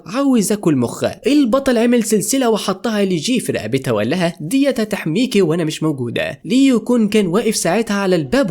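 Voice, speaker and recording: A man with an Egyptian accent narrating a comic story recap in a brisk, animated way. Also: high-pitched. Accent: Egyptian Arabic.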